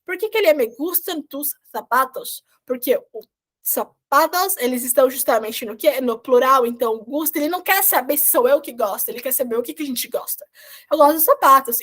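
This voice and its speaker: A woman with a high voice, Portuguese her first language, leads a recorded beginner Spanish lesson. She explains in a chatty, informal way, keeps checking in with her students, and talks into a computer mic. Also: a bit bright. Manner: chatty, explanatory, often adds "tá, gente?". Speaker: Spanish teacher.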